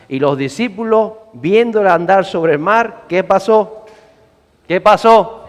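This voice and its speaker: A man preaching a sermon, animated, acting out scenes with shouts and character voices. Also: high-pitched, takes it slowly. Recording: hall reverb.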